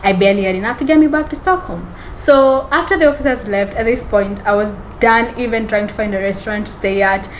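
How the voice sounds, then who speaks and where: A woman's voice: mid-range voice, brisk, few pauses, a little hiss or hum, rough recording. A woman hosting a podcast, telling a personal story in a rambling, self-correcting way and often laughing. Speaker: podcast host. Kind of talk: storytelling monologue.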